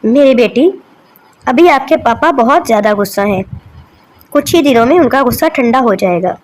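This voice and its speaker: A woman voicing a gentle, sorrowful mother crow in a cartoon, speaking softly and pleadingly. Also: a little high, expressive, moderate pace, natural voice. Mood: soothing. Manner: pleading, soft.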